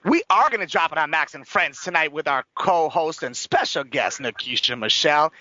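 A man's voice: fairly high pitch, lively intonation, moderate pace, lo-fi sound, loud music behind the voice. A man hosting a casual entertainment chat show, talking emphatically and gossipily in folksy slang. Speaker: talk show host.

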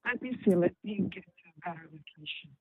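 A woman in her thirties calling in to a talk show, hesitant and halting, her phone line breaking up so her voice cuts in and out. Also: fairly low pitch, lively intonation, a little hiss or hum. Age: 30s. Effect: phone line breaking up, voice cutting in and out. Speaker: caller. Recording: tinny phone line, cutting out.

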